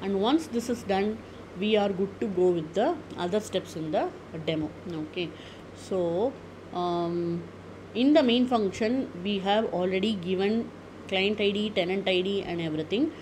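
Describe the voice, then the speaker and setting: A woman talks through a software tutorial one step at a time, pausing on "okay" and "uh" as she clicks along. Her voice sits at an ordinary middle pitch. A steady hiss of background noise runs under the recording. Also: low-quality recording. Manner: methodical, step-by-step, frequent "okay" and "uh" fillers. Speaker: tech tutorial presenter.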